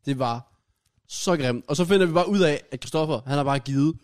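A man co-hosting a casual podcast, telling a shared travel story in a loose, hesitant way with fillers. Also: a little high. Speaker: podcast co-host. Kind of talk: casual chat.

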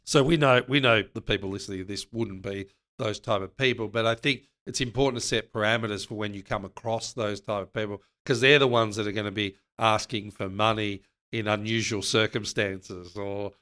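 Smooth low-voiced man. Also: steady tone, fairly quick, pushed and bright. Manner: earnest, advice-giving. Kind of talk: casual podcast chat.

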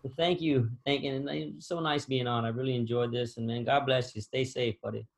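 Man guest, casual chat, stumbling repeats, mid pitch. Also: fairly even intonation, vocal fry. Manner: halting, repeats words. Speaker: podcast guest. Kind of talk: casual conversation.

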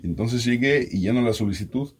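A man's voice: mid-range voice, brisk, slightly rough. A man in his forties with a Mexican Spanish accent, hosting a casual interview and rambling through a story with many fillers and restarts. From raised in Mexico, born in the US. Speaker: radio host interviewing a colleague.

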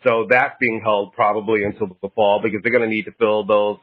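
A man co-host lays things out in relaxed chat and circles back to repeat his points. His voice sounds thin, as if it is coming over a phone line. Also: on the low side, brisk. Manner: explanatory, insider talk, repeats himself. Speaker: podcast co-host. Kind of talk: casual chat.

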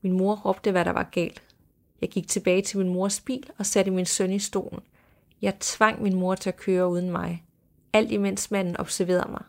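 A woman hosting a storytelling podcast reads eerie accounts aloud at a measured, hushed pace. Her voice sits at an ordinary pitch for a woman but carries a steady gravelly fry. At times she drops to a soft whisper. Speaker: podcast host.

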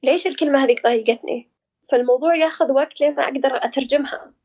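A woman, speaking as an interview guest about her own experience, pausing often to search for words. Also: high voice, darkish tone, muffled recording. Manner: hesitant, searching for words, reflective. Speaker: guest sharing personal experience. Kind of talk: casual conversational interview.

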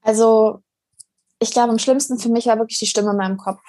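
Young woman guest, kinda high voice, earnest and thoughtful, lots of ums, dry sound. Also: steady tone, fairly quick, warm tone, no room sound. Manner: earnest, reflective, many fillers and restarts. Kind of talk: casual interview conversation.

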